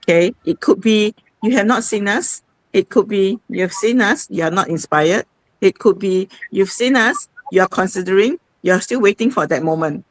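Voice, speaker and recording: A woman's voice: medium pitch, normal speed, dry recording, poor audio. A woman, hosting an online sharing session in a rambling, conversational way. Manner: conversational, rambling with many fillers. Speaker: host.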